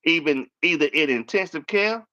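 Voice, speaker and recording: Man, folksy storyteller, slightly high voice, dull lo-fi sound. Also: expressive, normal speed, bright, forceful tone. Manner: storytelling, folksy, acts out quotes. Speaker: host. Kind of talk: casual chat. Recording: dull lo-fi audio.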